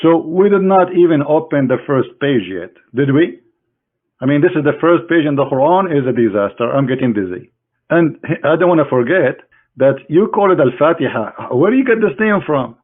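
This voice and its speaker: Here a man on the high side speaks at a moderate pace with lively intonation, sounding thin like a phone line. A religious critic presenting on screen, he aims scornful, sarcastic mockery right at the other side.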